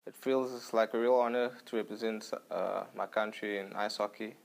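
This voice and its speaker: A young South African man answers interview questions in a mild, measured manner. His fairly low voice stays even. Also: creaky. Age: 20s. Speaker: ice hockey player.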